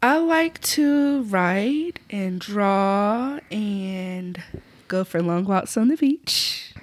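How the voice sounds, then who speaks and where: A woman's voice: mid-range voice, expressive, drawn-out words. Giggly woman in her thirties. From Alabama. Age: 30s. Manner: giggly, playful, self-conscious. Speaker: podcast co-host. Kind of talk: casual podcast chat.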